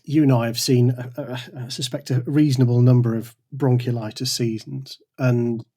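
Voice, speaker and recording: A man's voice: medium pitch, little pitch movement, normal speed, mellow. A man hosting a medical podcast, asking questions in a conversational, slightly hesitant way. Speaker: podcast host. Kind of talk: podcast interview.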